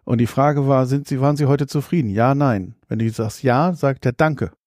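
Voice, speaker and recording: A man's voice: mid-range voice, moderate pace, a little mellow, no echo, clean studio sound. A man in casual chat, critical and opinionated, talking with many fillers. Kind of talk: casual chat about theme parks.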